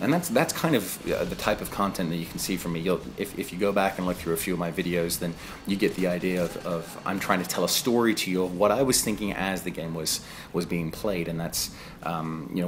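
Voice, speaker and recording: A man's voice: deep voice, fairly quick, hardly any pauses, a little hiss or hum. A man in his thirties who grew up in England, giving casual, digressive voice-over commentary on his own gameplay. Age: 30s. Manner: conversational and digressive, chatty asides. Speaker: gaming video creator.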